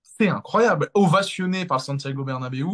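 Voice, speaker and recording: A man's voice: on the high side, fairly quick, a little hiss or hum. A man, a sports journalist, co-hosting a casual football debrief, enthusiastic and emphatic, often repeating his key words.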